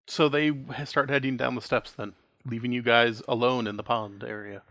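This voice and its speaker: Game master guy, calm narration, bright tone, dry close sound. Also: mid-range voice, normal speed, dry recording.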